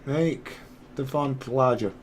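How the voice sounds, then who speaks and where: A man's voice: medium pitch, a little hiss or hum. A young British man hosting a podcast in casual chat, reading from the live chat and often restarting his sentences. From Britain. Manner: rambling, reads slowly with restarts. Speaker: podcast host.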